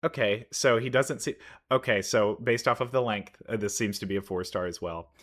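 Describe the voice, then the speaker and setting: Music plays behind a man commenting casually on a game trailer, rambling enthusiastically as he thinks out loud. He has a lowish, fairly bright voice and keeps a moderate pace.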